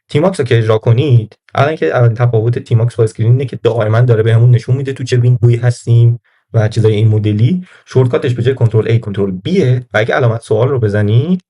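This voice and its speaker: A man's voice: medium pitch, mellow. A man giving a casual screen-recorded Linux tutorial, thinking aloud and correcting himself as he goes. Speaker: Linux course instructor.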